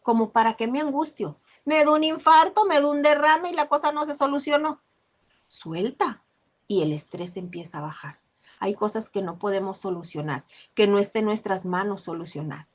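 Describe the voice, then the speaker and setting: Woman, motivational talk host, animated, acts out examples, slightly high voice. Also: moderate pace. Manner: animated, acts out scolding mothers. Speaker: host of a book discussion.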